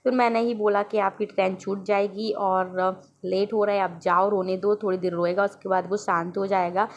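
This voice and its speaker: A woman's voice: medium pitch, little pitch movement, normal speed, slight background noise. A woman and mother narrating her family's day in a casual, chatty vlog voice-over. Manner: chatty, storytelling about family life.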